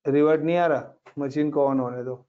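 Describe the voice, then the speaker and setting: A man with a slightly high voice runs a relaxed Linux lesson, chatting his students through each step and dropping in English tech words. The sound is dull and lo-fi. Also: normal speed, clean tone. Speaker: Linux instructor. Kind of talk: casual screen-share class explaining commands. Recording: dull lo-fi recording.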